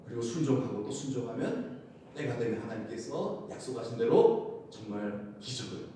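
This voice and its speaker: A man preaching a sermon as pastor, lively and playful, often laughing and calling out to the congregation. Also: moderate pace. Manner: animated, shouts acted crowd cries, laughs often. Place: church sanctuary. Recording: loud echo, from far off, faint rumble.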